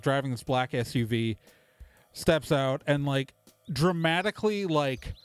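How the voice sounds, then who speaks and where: A man running a tabletop game in a somewhat high voice, narrating loosely and often restarting his sentences. Faint music plays under his talk. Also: clean tone, no echo. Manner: rambling, full of "like" and restarts. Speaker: game master.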